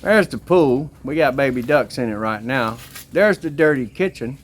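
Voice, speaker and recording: A man's voice: medium pitch, animated, moderate pace, a little hiss or hum. A man vlogging casually and defiantly while walking outdoors with a handheld camera, rambling, a cigar in his mouth. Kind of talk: casual walking vlog tour. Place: outdoors at a rural family home.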